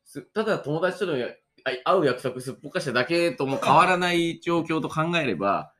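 A man in his thirties with a hoarse, hungover throat, co-hosting a casual comedic chat in a self-deprecating, joking way. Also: fairly high pitch, animated, brisk, pushed and bright, slight background noise. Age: 30s. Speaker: co-host of a two-man radio-style podcast.

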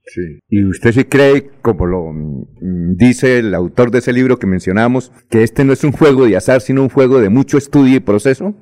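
A man's voice: medium pitch, lively intonation, normal speed, few pauses, darkish tone. A man hosting a morning radio news show, giving the time and reading listener questions briefly.

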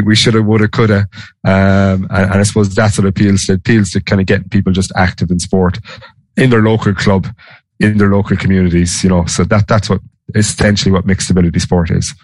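A man's voice: deep voice, flat delivery, a little fast, dry recording. A man with a west of Ireland accent giving informal, hesitant, rambling explanations as an interview guest. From Galway, west of Ireland. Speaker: interview guest, sports organisation director. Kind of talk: conversational interview.

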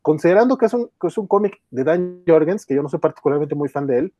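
A man's voice: on the high side, expressive, fast talker, warm tone, no echo. A Mexican man on a podcast, casually retelling a comic story in a rambling way, full of restarts, fillers and chuckles.

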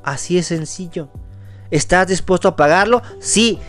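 A man's voice: sits high, moderate pace, faint music behind. A man giving an earnest, preachy motivational reflection as a podcast host. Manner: earnest, preachy, acts out quoted voices. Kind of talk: motivational monologue.

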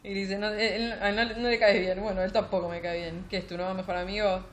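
A woman's voice: mid-range voice, flat delivery, quick pace. A young woman with a Rioplatense Spanish accent chatting casually as she recounts a novel's scenes, quoting the characters' lines in a loose, filler-heavy way. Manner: quotes characters' dialogue in a loose storytelling way with many fillers. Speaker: book discussion co-host. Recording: faint background noise.

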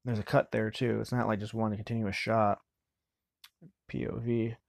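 A man giving casual film commentary, rambling and halting, often restarting mid-sentence. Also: fairly low pitch, level tone, vocal fry, no room sound, clean studio sound.

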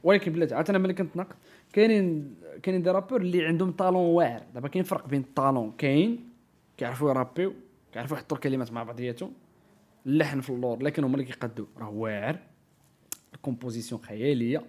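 A man's voice: mid-range voice, very fast, darkish tone. A man with a Moroccan Arabic accent in casual podcast conversation, opinionated and emphatic, mixing in French and English words and often checking that his listener follows.

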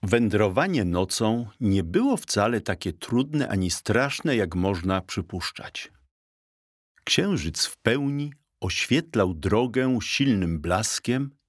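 A man reading a children's story aloud in an unhurried, expressive way on a close microphone. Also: on the low side, slightly rough, no room sound. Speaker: audiobook reader.

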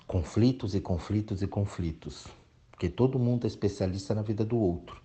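A man's voice: lowish voice, fairly quick, mellow. A man from Brazil giving an emphatic, preachy reflective monologue to his regular audience, sometimes mocking whiny voices. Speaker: motivational speaker.

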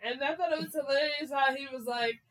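A woman co-hosting a podcast, excitedly recapping an anime episode in casual chat and quoting the characters. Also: high voice, fairly quick, low-quality recording. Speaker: podcast co-host.

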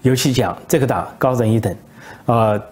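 A male political commentator spinning a satirical tale in a relaxed storytelling way, with frequent hesitations. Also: mid-range voice, normal speed, slight background noise.

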